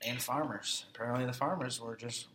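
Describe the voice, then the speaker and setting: A man co-hosting a casual film podcast, rambling and excitable, drifting off on tangents. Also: medium pitch, fairly quick, slight background noise. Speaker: podcast co-host.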